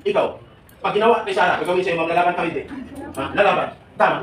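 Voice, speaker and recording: A man, addressing overseas workers at a live seminar in an animated, joking way, often quizzing the crowd. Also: high voice, rapid-fire, a little hiss or hum. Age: 70s. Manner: animated, joking, questioning the audience. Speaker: OFW advocate speaking to workers. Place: large hall with an audience. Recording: echoey hall, voice from far off.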